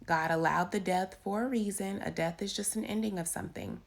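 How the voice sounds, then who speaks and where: A woman with a raspy voice giving an informal, emphatic devotional talk into her phone, repeating key phrases. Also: mid-range voice, brisk. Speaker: faith vlogger giving encouragement. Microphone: handheld phone.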